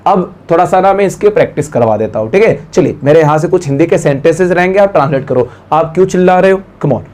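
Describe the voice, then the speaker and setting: A man with an Indian accent teaching an English grammar lesson in class. He explains things quickly and then says the English sentences slowly and clearly. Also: high-pitched, a little mellow. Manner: speaks directly to the students and prompts them to translate.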